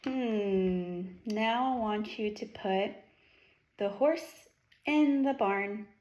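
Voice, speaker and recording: A woman's voice: medium pitch, drawn-out words, darkish tone, muffled recording. A woman teaching a young child with simple prompts and repeated praise, talking as if to a toddler in an encouraging way. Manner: encouraging, repetitive, sing-song animal sounds and praise. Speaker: teacher or speech therapist working one-on-one with a young child. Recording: noisy, echoey room recording.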